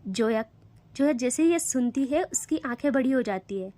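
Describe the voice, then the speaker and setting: Brief: woman storyteller, high voice, casual and chatty, talks to listeners. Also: expressive, moderate pace, mellow, dry recording. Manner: chatty, addresses listeners directly.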